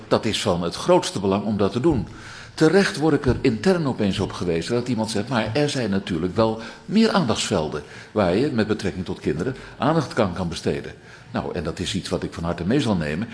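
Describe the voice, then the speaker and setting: A man with a fairly low voice answers council members as alderman. He explains at length and turns formally to each member in the chamber. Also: a little mellow. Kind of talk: formal council debate reply.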